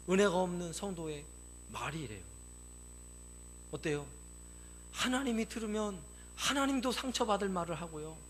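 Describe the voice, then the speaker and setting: A male pastor giving an animated sermon in a church, asking the congregation questions and acting out quotes. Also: a little high, a little hiss or hum.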